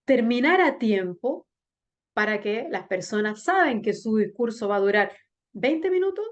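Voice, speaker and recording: A woman's voice: big pitch swings, a little hiss or hum. Woman teacher coaching public speaking. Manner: addresses students directly with frequent "¿bien?" check-ins; exaggerated pitch swings and slow, sung-out demo readings. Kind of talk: recorded class on public speaking. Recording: dull lo-fi recording.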